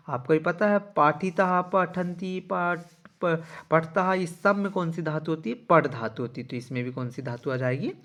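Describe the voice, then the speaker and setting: A male teacher with a slightly high voice is explaining a school lesson to children. He reads each verse slowly and deliberately, then explains it in a brisk, casual way, speaking straight to his pupils. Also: a bit bright.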